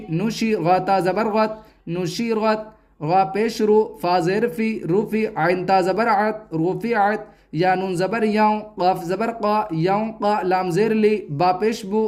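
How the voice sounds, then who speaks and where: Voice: medium pitch, a little mellow. A teacher giving a reading lesson, spelling words out letter by letter and repeating key terms as questions and answers.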